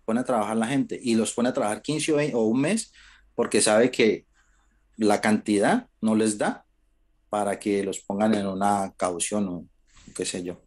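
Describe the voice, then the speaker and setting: Animated man telling his story. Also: fairly low pitch, unhurried. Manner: animated, acts out quoted dialogue in shifted voices. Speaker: interview guest. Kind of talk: casual storytelling.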